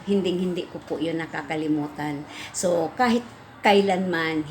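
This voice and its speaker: Middle-aged woman, Visayan accent, preschool teacher, chatty storytelling vlog, many fillers, clear background noise. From Visayas, Philippines. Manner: chatty, many fillers, rises in pitch when excited.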